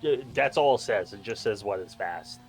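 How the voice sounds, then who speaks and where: A man's voice: fairly low pitch, expressive, moderate pace. A man co-hosting a podcast in casual chat, rambling as he reads his notes aloud. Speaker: podcast co-host.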